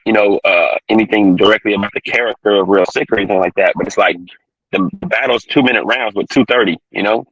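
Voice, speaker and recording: A man being interviewed over an online call that sounds fuzzy and distorted, talking quickly with many fillers. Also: on the low side, fairly bright tone, no echo. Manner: rapid, full of "you know" fillers. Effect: fuzzy distorted connection. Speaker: battle rapper guest. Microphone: online call from a phone on mobile data. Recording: dull lo-fi distorted call audio.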